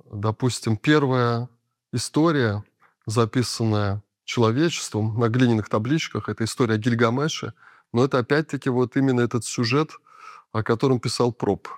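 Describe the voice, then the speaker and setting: A man giving an unscripted lecture, explaining at a thoughtful pace with frequent filler pauses. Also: mid-range voice, dry recording, clean studio sound.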